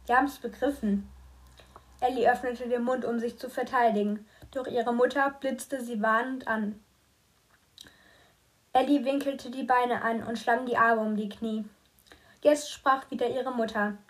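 A woman reading a novel aloud with steady narration and occasional slips. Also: on the high side, measured pace. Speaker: audiobook reader.

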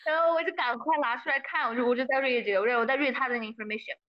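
A young woman talks fast and eagerly as a guest in a casual interview, her voice a little high. She slips English phrases into her story. The recording sounds dull and lo-fi. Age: young adult.

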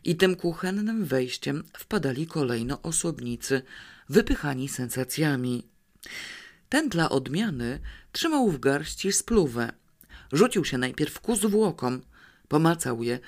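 A woman's voice: a bass voice, lively intonation, unhurried, darkish tone. A woman reading a first-person novel aloud as an audiobook narrator, telling it with wry, ironic humour. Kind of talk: scripted narration.

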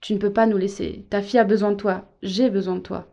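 A woman's voice: medium pitch, little pitch movement, fast, warm tone, natural voice. A woman voicing a distraught young mother who argues and pleads sharply with her husband, in a story reading. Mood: pleading.

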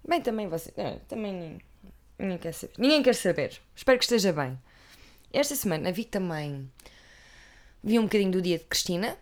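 A woman's voice: fairly low pitch, expressive, fairly quick, long pauses. A woman with a European Portuguese accent chatting casually to viewers, rambling and breaking off with asides. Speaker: vlogger. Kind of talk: casual chat about TV.

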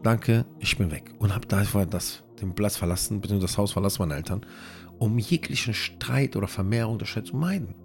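Low gravelly guy giving religious advice, earnest and repeats himself a lot, faint music under it. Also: fast, darkish tone. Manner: earnest, repetitive, mixes in Arabic religious phrases. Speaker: host of a religious audio series. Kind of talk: informal religious advice talk.

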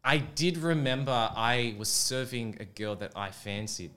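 A man's voice: mid-range voice, unhurried, sharp tone, smooth. A man, a teacher being interviewed, telling casual self-mocking stories with a joking manner.

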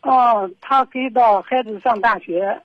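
A woman's voice: a little high, a little slow, no echo. A middle-aged woman, calling in and telling her story in an aggrieved, rambling way with many restarts. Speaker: caller. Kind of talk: phone-in confession. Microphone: telephone. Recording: dull lo-fi phone line.

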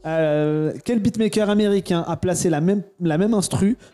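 A man's voice: high voice, moderate pace, warm tone. A man in his thirties hosting a casual podcast quiz, teasing and playful. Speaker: podcast host.

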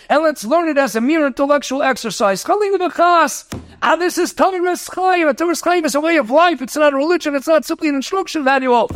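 A rabbi lecturing on Torah, talking quickly, mixing in Hebrew and Yiddish terms, asking rhetorical questions and telling stories. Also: male voice, very high-pitched, fairly bright tone, dry recording, studio quality. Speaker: rabbi teaching a Torah class.

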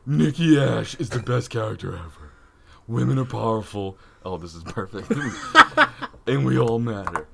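A man's voice: fairly low pitch, lively intonation, measured pace, gravelly, background noise, full character voice. A man putting on a brash annoying woman. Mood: mocking.

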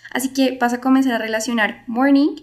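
A woman, an English teacher, explaining a podcast lesson clearly and speaking straight to the listener. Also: high-pitched, fairly even intonation, brisk.

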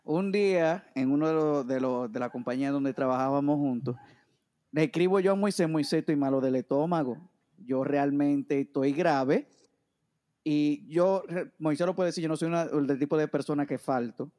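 A man's voice: fairly high pitch, normal speed, dark tone. A man who speaks bluntly and comically, telling stories in casual chat among friends. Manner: blunt, comic, talks straight to his friends.

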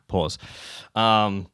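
A man's voice: lowish voice, fairly even intonation, very slow, creaky, a bit bright, smooth, no room sound, clean studio sound. A young Australian man hosting a casual solo podcast, rambling and swearing freely while sounding a little sleepy. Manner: rambling, swears often, laughs between thoughts. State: sleepy, just woken up. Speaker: podcast host.

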